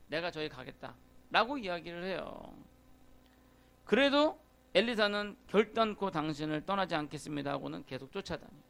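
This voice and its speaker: 높고 거친 목소리의 설교하는 남자 목사. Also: male voice, sits high, gravelly, sharp tone. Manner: conversational preaching with frequent call-outs to the congregation. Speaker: pastor. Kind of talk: sermon. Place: church sanctuary.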